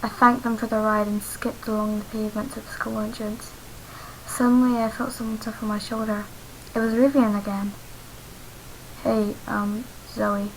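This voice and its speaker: A woman reading her own fanfiction aloud slowly and carefully, as an amateur storyteller. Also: a little high, level tone, slight background noise, low-quality recording. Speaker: fanfiction reader.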